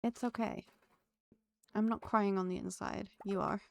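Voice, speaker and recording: A woman's voice: medium pitch, steady tone, measured pace, gravelly, a little hiss or hum. A woman streaming a farming game, chatting casually to her viewers and her pets with jokey asides. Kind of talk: casual gameplay commentary.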